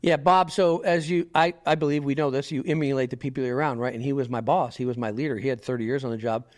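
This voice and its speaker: A man's voice: mid-range voice, fast. A middle-aged man, a podcast guest, telling stories in a casual interview and acting out the people he quotes. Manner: animated storyteller, quotes others in lively asides.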